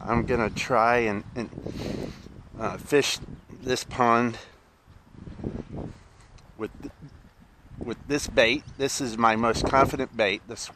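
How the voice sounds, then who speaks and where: A middle-aged man, vlogging by a park pond, talking slowly with many pauses and restarts. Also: medium pitch, steady tone. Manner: slow, halting, many "uh"s and restarts. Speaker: fishing vlogger. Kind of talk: casual outdoor vlog. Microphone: camera on a stand, then head-mounted camera. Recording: outdoor noise behind the voice.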